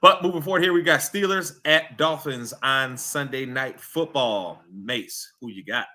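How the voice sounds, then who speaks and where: A young man hosting a casual football picks show, animated and slangy, laughing often. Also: mid-range voice, measured pace. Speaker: podcast host. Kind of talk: casual sports picks chat.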